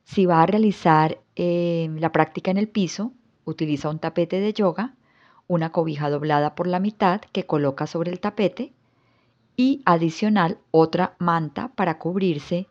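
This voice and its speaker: A woman yoga instructor guiding a yoga nidra relaxation with soft, calm instructions. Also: fairly low pitch, highs cut off.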